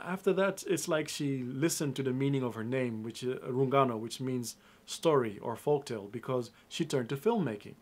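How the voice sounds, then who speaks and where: A man's voice: medium pitch, a little mellow. A young man presenting a film review to camera in an upbeat, emphatic way, speaking straight to his viewers.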